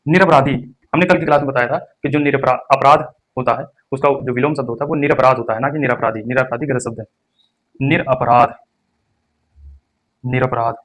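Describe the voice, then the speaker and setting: Hindi teacher drilling spelling, stressing words. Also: male voice, mid-range voice, steady tone, fairly bright tone. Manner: stresses each word, then repeats it slowly. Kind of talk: exam-prep lesson.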